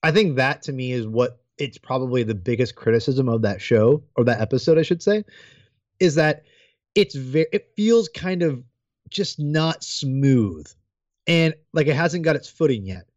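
A man's voice: mid-range voice, expressive, normal speed, a little mellow, dry recording, lo-fi sound. A man co-hosting a casual chat podcast, laying out the plan and giving opinions in an easygoing way. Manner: organizing, talks through while chewing gummies. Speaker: podcast co-host.

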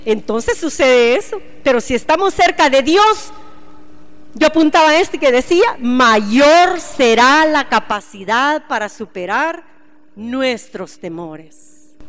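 Lady preaching to a women's group, high voice, asks the crowd lots of questions. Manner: animated, asks the listeners questions and acts out scenes. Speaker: preacher leading a women's Bible study. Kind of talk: conversational sermon.

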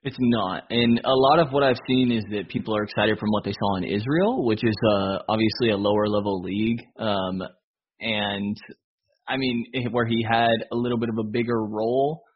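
Man, podcast host, husky voice, casual, dull lo-fi sound. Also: on the low side, normal speed.

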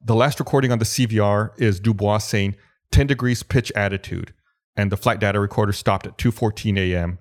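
Male podcast co-host, low voice, methodical and detailed storyteller. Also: fast, few pauses. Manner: methodical, explanatory, steady retelling. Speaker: podcast co-host presenting the case. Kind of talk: casual podcast chat, narrating an aviation accident.

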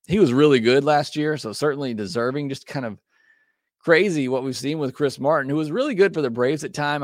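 A man's voice: mid-range voice, no room sound, clean studio sound. A man hosting a baseball podcast, giving casual, opinionated takes with frequent fillers. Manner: conversational, opinionated, many fillers. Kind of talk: casual sports talk.

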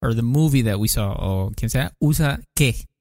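A man co-hosting a podcast, playfully explaining Spanish grammar in casual chat, with quick examples. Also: medium pitch, lively intonation, a little mellow, no room sound, clean studio sound. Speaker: podcast co-host teaching Spanish. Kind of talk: casual language lesson chat.

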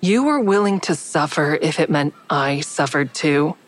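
A woman with a deep, expressive voice speaks at an unhurried pace, narrating and starring in her own first-person audio drama thriller. She plays a guarded, callous character, and her restrained, probing delivery carries a guarded, tense mood.

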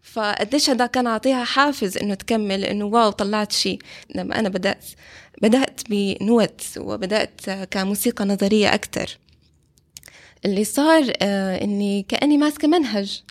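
A woman's voice: medium pitch, fairly quick. A woman with a Levantine Arabic accent, a violin teacher, sharing personal experience in a casual discussion.

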